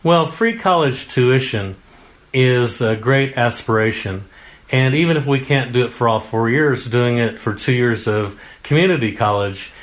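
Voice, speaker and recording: Speaking at a measured pace in a medium-pitched voice, a male congressional candidate from Oklahoma gives interview answers. His manner is folksy and earnest, sprinkled with homespun exclamations.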